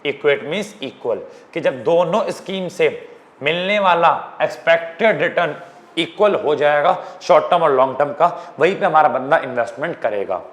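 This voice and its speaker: A man's voice: fairly high pitch, lively intonation, moderate pace. A young man from India teaching an economics lecture in an informal classroom style, often checking whether students follow.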